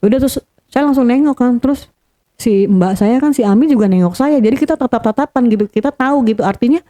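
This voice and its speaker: A woman guest talks fast in a slightly high, dark-toned voice while earnestly relating a painful family story in first person. She acts out dialogue and says the important points more than once for emphasis.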